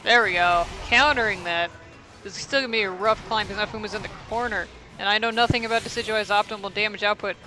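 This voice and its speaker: A man's voice: sits high, quick pace, pushed and bright, faint music behind, poor audio. A man giving casual, rambling play-by-play commentary on a fighting game tournament, thinking aloud and poking fun at himself.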